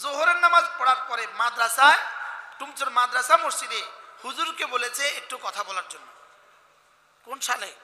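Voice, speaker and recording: A man preaching a sermon to a large gathering, quizzing the crowd and rising to impassioned shouting. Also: extremely high pitch, animated, moderate pace. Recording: echoey hall-like reverb from a PA.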